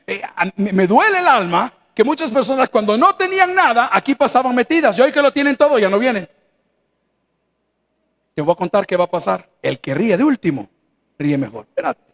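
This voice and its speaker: A man's voice: very high-pitched, a bit bright. A man with a Salvadoran accent preaching a sermon in a church, folksy and joking, acting out the voices of the people he quotes. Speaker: pastor. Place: church sanctuary.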